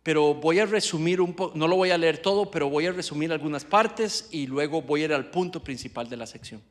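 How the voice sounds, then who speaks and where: A man with a fairly high-pitched voice talks at a brisk clip while interpreting a sermon into Spanish on the spot. The setting is a church sanctuary, and his delivery is halting, with lots of fillers and restarts.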